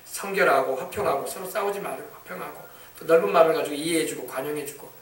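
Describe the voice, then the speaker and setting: A man pastor delivers an emphatic, repetitive sermon in a church sanctuary, calling out hallelujah. His fairly high voice moves fast, with slight background noise, captured from a distance in an echoey church hall.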